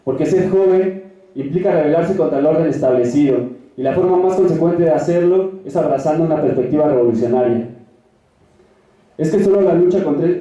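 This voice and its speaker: A man's voice: a little high, mellow. A young man delivering a formal, declamatory political speech as a youth activist at a rally. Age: young adult. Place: large echoing hall at a rally. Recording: echoey hall, distant mic, dull sound.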